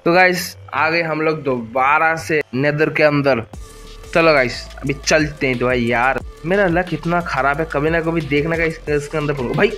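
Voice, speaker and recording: Young man, Indian accent, gameplay commentary, slightly high voice, excitable, faint music behind. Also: moderate pace. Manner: excitable, shouts at game mobs, pleading bursts. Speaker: gaming YouTuber.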